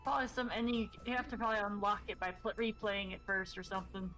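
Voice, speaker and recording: A woman chatting casually with friends during a game stream, tossing in quick offhand remarks. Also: mid-range voice, steady tone, a bit bright, faint music behind, low-quality recording. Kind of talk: casual group chat while playing a game.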